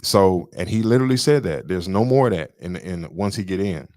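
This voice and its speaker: Deep-voiced man lecturing emphatically. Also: animated, a little fast, a little mellow, no room sound. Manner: emphatic, lecturing, repeats points. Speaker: podcast co-host. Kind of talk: casual political talk. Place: studio booth.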